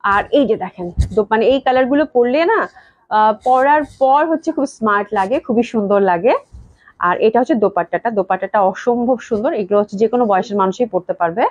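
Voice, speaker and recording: Fast-talking woman selling clothes live. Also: a little high, no echo. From Bangladesh. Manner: chatty, repetitive gushing praise, talks to viewers. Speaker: clothing shop seller. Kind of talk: live-stream sales pitch. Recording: dull lo-fi live-stream audio.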